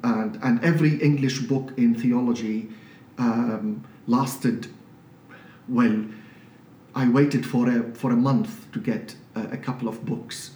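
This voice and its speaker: A man from Syria with a Syrian accent, a priest talking as an interview guest in a measured, explanatory way with frequent restarts. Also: medium pitch, steady tone, dark tone. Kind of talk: conversational interview. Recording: roomy, slightly distant mic with faint noise.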